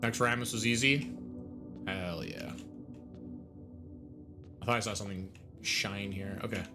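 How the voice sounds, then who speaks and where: A man's voice: lowish voice, steady tone, a little slow, over music. A man doing casual, jokey gaming commentary as a let's play host, full of slang.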